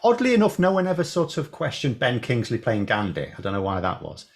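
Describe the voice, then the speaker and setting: Male co-host, average pitch, informal, discursive conversational delivery. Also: wildly swooping pitch, fairly quick. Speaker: talk show co-host. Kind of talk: casual chat.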